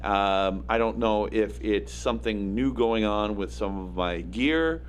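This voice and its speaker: A man hosts a laid-back livestream from his home studio, rambling along with lots of fillers and self-deprecating asides. His voice is gravelly, raspy and a bit nasal, pitched fairly low and paced a little slowly. The studio mic picks up a faint electrical hum.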